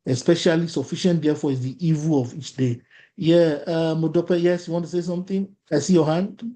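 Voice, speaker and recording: With a fairly high, warm voice, this man speaks briskly and in a steady tone. He's a workshop facilitator with a Nigerian accent, a native Yoruba speaker, who leads an interactive online workshop by repeating phrases and often asking the audience questions.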